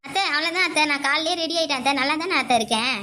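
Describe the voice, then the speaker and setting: A woman voicing a polite, eager-to-please young daughter-in-law in an animated family cartoon story. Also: high voice, rapid-fire, a little hiss or hum.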